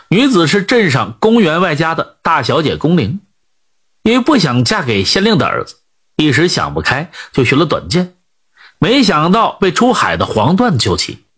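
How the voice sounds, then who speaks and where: High, husky guy telling an old folk tale, voice swooping all over. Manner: animated, conversational storytelling with filler particles. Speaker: storyteller.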